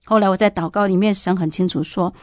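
A woman's voice: mid-range voice, steady tone, fast, dry recording, clean studio sound. Earnest woman giving testimony. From Taiwan. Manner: earnest, heartfelt, addresses listeners directly. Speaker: testimony speaker.

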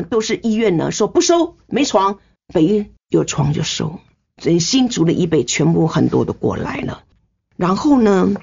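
A woman's voice: fairly low pitch, gravelly, a little mellow, slightly rough. An older woman with a Taiwanese Mandarin accent, a nurse telling her story in an earnest, emotional interview. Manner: earnest, emotional storytelling with sentence-final particles. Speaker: nurse, guest. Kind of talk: personal testimony in an interview. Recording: slightly muffled recording.

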